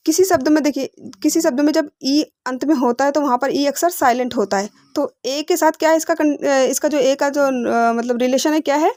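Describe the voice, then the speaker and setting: A woman teaching English phonics, explaining patiently, repeating words slowly and asking rhetorical questions. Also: high-pitched, a little mellow, no room sound, clean studio sound. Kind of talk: explanatory lesson.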